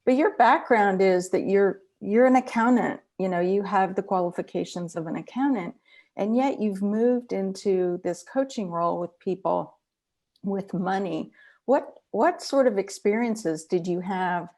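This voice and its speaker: A woman's voice: medium pitch, measured pace, darkish tone. A middle-aged woman, a psychologist, hosting an online interview, asking questions with enthusiasm on a video call.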